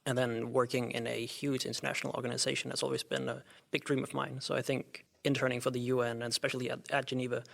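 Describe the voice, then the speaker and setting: A man's voice: medium pitch, gravelly, a bit bright. A young man in his twenties, a history student and intern, speaking thoughtfully with some hesitation. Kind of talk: casual interview talk.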